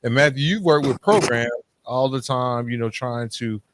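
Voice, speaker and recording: This male podcast host has a medium-pitched voice and a moderate pace, and the recording is very noisy. His conversational style is sincere and relaxed, full of side remarks and frequent uses of "man" and "you know."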